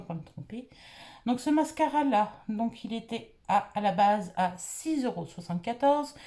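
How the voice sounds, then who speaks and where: A woman's voice: on the high side, a little mellow. A married woman from France, casually reviewing beauty products she bought and thinking aloud with lots of fillers. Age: adult, married. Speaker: beauty vlogger.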